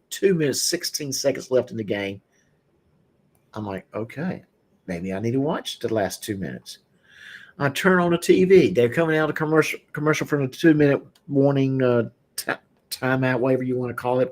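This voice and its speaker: A man hosting a casual drinking chat show, rambling with lots of fillers and easy laughs. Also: mid-range voice. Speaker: podcast host.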